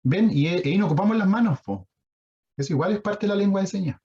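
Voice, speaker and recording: Husky Chilean man teaching online. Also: high-pitched, lively intonation, quick pace, warm tone, muffled recording. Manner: explanatory, asks the audience questions. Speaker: sign language instructor. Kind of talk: online lecture.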